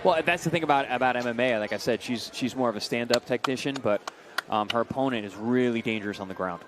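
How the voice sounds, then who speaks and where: A man's voice: mid-range voice, fast, background noise. A man giving conversational, technical fight analysis as a live commentator. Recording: music behind the commentary.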